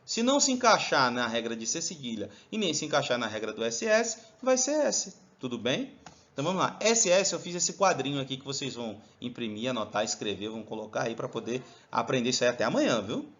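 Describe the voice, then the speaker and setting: Male teacher, animated pitch, dull lo-fi sound. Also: fairly quick. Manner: chatty, addresses students directly with frequent check-ins. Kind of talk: lively classroom video lesson. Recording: dull lo-fi recording.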